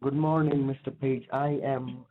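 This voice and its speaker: A man calling on a phone line that keeps cutting out, polite and halting in his phrasing. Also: mid-range voice, flat delivery. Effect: choppy phone line cutting out. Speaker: phone scammer caller. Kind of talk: phone call. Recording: tinny, choppy phone line.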